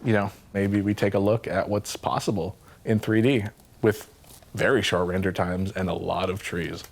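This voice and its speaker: An actor playing an earnest 3D artist in a mockumentary interview, talking in a rambling, halting way. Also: male voice, low voice, fairly even intonation, gravelly. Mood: wistful. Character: earnest, wistful male 3D tree artist. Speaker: 3D artist in a game studio.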